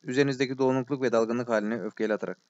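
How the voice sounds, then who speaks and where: A man's voice: mid-range voice, fairly even intonation, rapid-fire, darkish tone, lo-fi sound. A man narrating an audiobook of a classic novel, reading steadily and acting out agitated dialogue. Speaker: audiobook reader.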